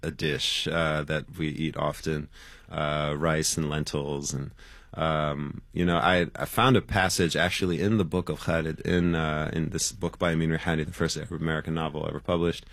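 A man's voice: very deep voice, level tone, moderate pace, a bit bright, dry recording. A man being interviewed as a guest musician, talking loosely and rambling in casual conversation.

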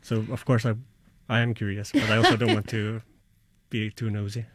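A man from Finland, an artist answering slowly and reflectively, searching for words. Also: fairly low pitch, level tone. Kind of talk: interview answers.

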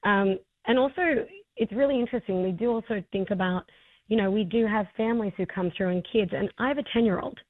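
Hoarse and medium-pitched, this Australian-accented woman in her forties talks fairly quickly as she enthusiastically answers interview questions about the festival she co-founded, often using fillers and restarting sentences. The sound is dry and tinny, as on a phone line.

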